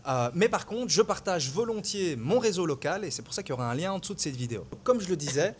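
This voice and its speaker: Chatty man, slightly high voice. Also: lively intonation, fast, slight background noise. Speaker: YouTube interviewer and host. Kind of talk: casual interview.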